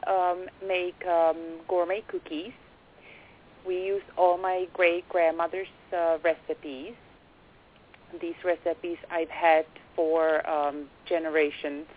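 A young woman from the Czech Republic with a Czech accent, a quiet, soft-spoken guest on a radio interview who hesitates often with fillers. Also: low voice. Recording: phone-like band, faint hiss.

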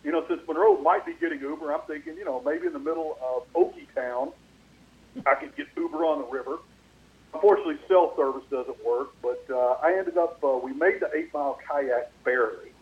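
A male sports radio host rambles through a casual story with plenty of fillers and restarts. He comes in over a dull, lo-fi phone line, and his microphone throws a clear echo back behind every phrase. His voice sits a little high for a man. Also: big pitch swings, brisk.

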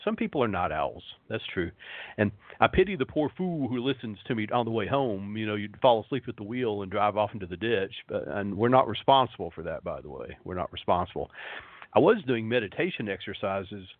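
Male host, low soothing hypnotist voice, slow and resonant, rambling monologue over a thin phone-like line. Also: expressive. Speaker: show host. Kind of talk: rambling talk show monologue. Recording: phone-like internet radio line, roomy echo.

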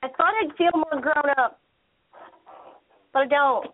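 A woman around thirty, co-hosting a casual chat in a relaxed way and laughing easily. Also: high-pitched, a little slow. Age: 30s. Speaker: podcast co-host. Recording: tinny phone-like line.

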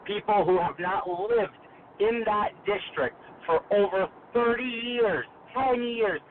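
A man speaking as a political candidate on a muffled speakerphone call during an interview, assured and measured with a few fillers. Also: high voice. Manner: assured, measured campaign talk with some fillers. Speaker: congressional candidate guest. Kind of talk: phone-in interview. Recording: muffled tinny phone line with faint noise.

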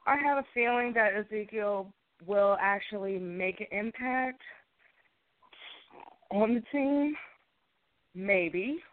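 A woman's voice: mid-range voice, slow, long pauses. A woman caller talking on speakerphone in an outspoken, chatty call-in conversation. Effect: on a phone speaker. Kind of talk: casual call-in chat. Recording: tinny dry phone line.

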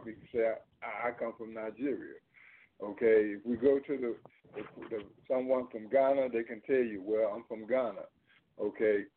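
A male host leading a talk radio discussion, asking pointed questions and repeating key phrases deliberately. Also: medium pitch, husky. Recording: tinny, noisy phone-like line.

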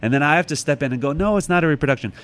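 An American man from Chicago, an author and former museum guard, is a guest in a conversational interview, explaining things reflectively. His voice is fairly high, expressive, rapid-fire, and fairly bright, and the recording has a clearly noisy background.

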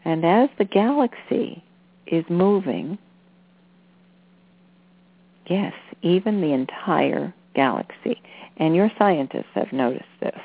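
Woman spiritual channeler, low register, soothing and deliberate, heard through a narrow phone-like recording. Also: expressive, breathy edge, no room sound. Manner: unhurried, deliberate, with halting phrases. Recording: phone-like narrow-band sound.

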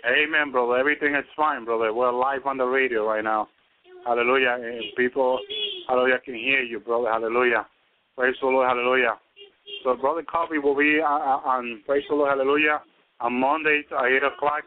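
A man's voice: medium pitch, steady tone, brisk, narrow, tinny audio. A man hosting a radio sermon, saying hallelujah after nearly every phrase and restarting words as he goes, heard over the broadcast. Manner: repeats hallelujah constantly, stammering restarts. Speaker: radio preacher and host.

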